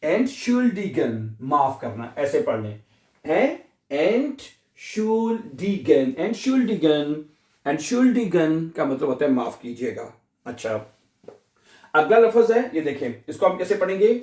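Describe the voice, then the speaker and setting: Male language teacher, high-pitched, drills words slowly; roomy echo, mic set back. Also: very animated, darkish tone. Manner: drills words slowly, syllable by syllable, with many repetitions. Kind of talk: pronunciation lesson. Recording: echoey room, mic at a distance.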